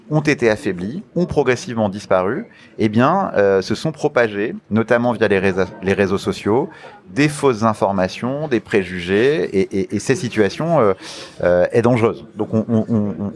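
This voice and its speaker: A media regulator official with a French accent is interviewed on the radio, speaking in a fairly low, darkish voice. His explanatory, institutional answers are formal, and he feels his way through phrases, repeating words as he goes.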